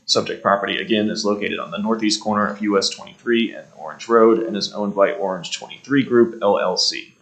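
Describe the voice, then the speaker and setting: Low-voiced American man giving a staff report. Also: brisk, hardly any pauses, fairly bright tone, low-quality recording. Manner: methodical, reading out figures and details with hesitations. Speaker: township staff member presenting a report. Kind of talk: formal staff report presentation. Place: indoor township meeting room.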